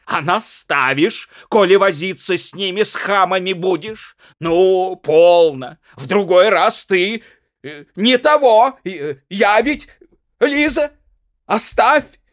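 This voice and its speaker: A slightly drunk, bullying husband bellows at his wife, as a male reader puts him on. His voice climbs far above a normal speaking pitch into loud, strained yells. He drags out his threats slowly, ranting without letup. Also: expressive, dry recording, studio quality, exaggerated voice. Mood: bellowing. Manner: shouting, berating, high strained yells. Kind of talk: dramatic audiobook reading.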